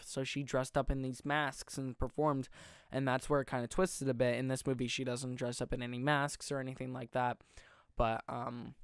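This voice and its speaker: A young man hosting a podcast, reviewing a film in a casual, rambling, excitable way and often correcting himself mid-sentence. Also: medium pitch, clear, resonant tone, no room sound, clean studio sound. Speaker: podcast host.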